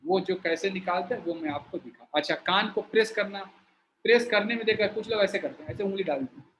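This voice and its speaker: A man teaching a yoga breathing exercise, explaining slowly while he shows each step. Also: high voice, fairly bright tone, slight background noise, poor audio. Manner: slow, explanatory, shows movements while talking.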